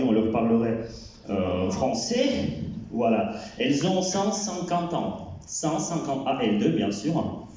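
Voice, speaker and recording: A man doing a stand-up set as a French teacher, talking haltingly with many fillers and repeated words. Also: mid-range voice, dark tone. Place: comedy club stage. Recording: echoey hall from far off, dull sound.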